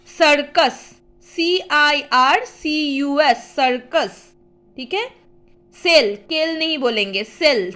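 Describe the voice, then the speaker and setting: A woman with an Indian English accent teaching children a phonics lesson, spelling words letter by letter and then saying each word, with quick explanations between them. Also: high voice, pushed and bright.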